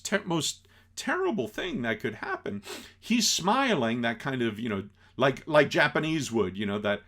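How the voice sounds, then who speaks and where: Animated man slowly explaining a film. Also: medium pitch. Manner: animated, acts out quotes, many fillers. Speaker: teacher explaining an old film. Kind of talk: casual commentary lecture.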